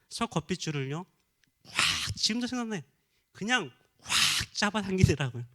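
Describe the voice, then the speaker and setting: A man's voice: fairly high pitch, bright, forceful tone. A middle-aged male pastor from Korea preaching a sermon, telling a story and then crying out fervently in prayer.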